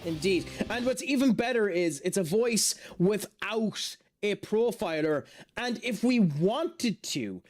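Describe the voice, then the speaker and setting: A man's voice: sits high, a little mellow. An Irish man streaming a game, chatting in an easygoing way and reading out chat. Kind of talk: casual live-stream chat.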